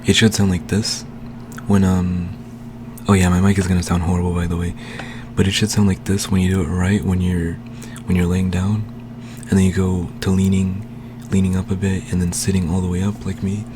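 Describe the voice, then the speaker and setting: A man slowly explaining a speaking technique in a casual home tutorial, recorded on a desk microphone. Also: low voice, completely flat delivery, noisy background. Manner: slow, unhurried, talking while demonstrating. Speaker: language learning vlogger.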